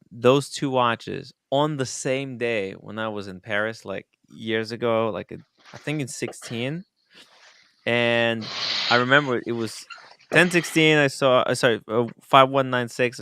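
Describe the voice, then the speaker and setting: Male podcast host, crisp mid-range voice, casual and excitable, dry recording. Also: mid-range voice, dry recording. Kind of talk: casual chat.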